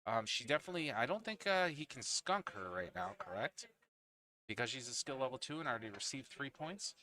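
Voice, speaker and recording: A man's voice: mid-range voice, very animated, fairly quick, crowd noise. A man calling a pool league match live, chatting with his co-commentator between shots. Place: indoors at a pool league venue.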